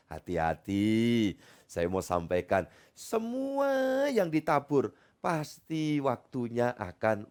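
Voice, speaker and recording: Pastor guy preaching, middle-aged, chatty, voice jumps up loud all over. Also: medium pitch. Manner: lively, conversational preaching with sudden loud rises. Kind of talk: sermon.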